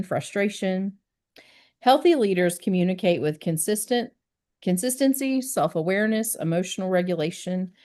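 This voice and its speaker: A woman's voice: on the low side, darkish tone. Earnest woman presenter explaining. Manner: earnest, explanatory, frequent "right?" check-ins. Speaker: wellness team presenter. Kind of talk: teaching discussion.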